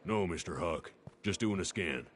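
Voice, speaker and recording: A man's voice: deep voice, animated, moderate pace, a little hiss or hum. An actor playing a deferential male security guard in a video game, polite and formal.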